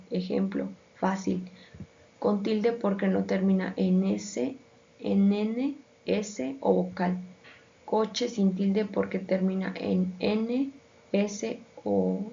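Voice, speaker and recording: A woman's voice: mid-range voice, vocal fry, warm tone. A woman reading a school presentation, hesitant and full of fillers. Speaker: student presenter. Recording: dull lo-fi sound.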